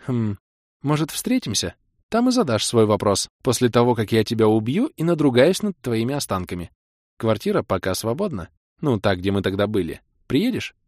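A man's voice: mid-range voice, big pitch swings, darkish tone, dry recording, clean studio sound. A man reading an audiobook voices a hot-tempered young woman who scolds her boyfriend, then teases him. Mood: teasing. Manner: indignant, scolding, quick to forgive. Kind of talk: audiobook character voice.

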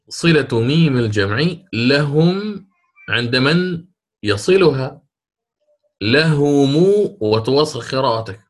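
A man teaching a lesson on Quran recitation rules, explaining step by step and stretching out example words slowly. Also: medium pitch. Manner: slow, drawn-out example words, repeats for emphasis.

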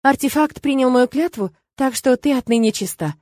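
A woman voicing a confident, teasing young male emperor in an audiobook, with a lively, raised delivery and a wry edge. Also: high-pitched, moderate pace, dry recording, voice pushed up, natural voice. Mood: assured, teasing.

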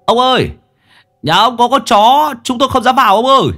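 A man voicing a crude, panicky fat young man in a ghost story, shrill and squealing when scared. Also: lively intonation, a little fast, pushed and bright, exaggerated voice. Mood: pleading.

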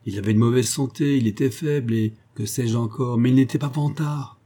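A man voicing an eager, warm-hearted young English gentleman who speaks up earnestly for a friend. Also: medium pitch, a little fast, close to an everyday voice. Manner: earnest, indignant in defence of a friend. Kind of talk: audiobook character voice.

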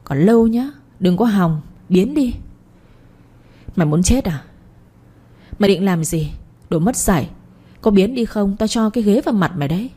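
Woman reading a spiteful young village thief, scornful, fast taunts, dark husky tone. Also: medium pitch, lively intonation.

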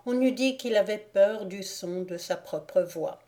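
A woman reading a classic novel aloud as a volunteer audiobook narrator, in a measured, unhurried manner. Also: medium pitch, mellow.

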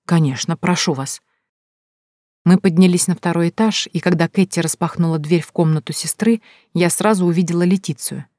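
A woman narrating a novel in the first person, in a measured, even storytelling manner. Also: lowish voice, no echo, clean studio sound. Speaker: audiobook narrator.

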